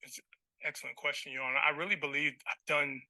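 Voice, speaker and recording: Male court litigant, defensive, stammering explanations, forceful bright tone, slightly raised pitch. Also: little pitch movement, no room sound, low-quality recording. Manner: halting, stammering, repeats himself.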